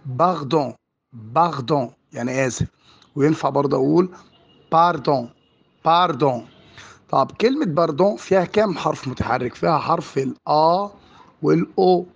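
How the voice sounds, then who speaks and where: A man's voice: a little high, expressive, vocal fry. A man with an Egyptian Arabic accent explaining French vowel sounds as a teacher, drawing out and repeating each example word. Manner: slow and drawn out on example words, repeating each one. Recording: dull lo-fi recording.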